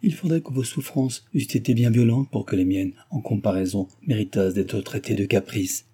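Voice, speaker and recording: A man voicing a young, distressed heiress who speaks earnestly and gently, as a character in an audiobook. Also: on the low side, a little fast, breathy edge. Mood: earnest pleading. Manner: earnest, pleading.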